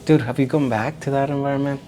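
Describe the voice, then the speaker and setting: A man's voice: medium pitch, steady tone, fast, mellow, slight background noise. A man in his forties hosting a podcast, answering with short, eager remarks and calling his guest dude and man. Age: 40s. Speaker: podcast host. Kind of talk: casual interview chat.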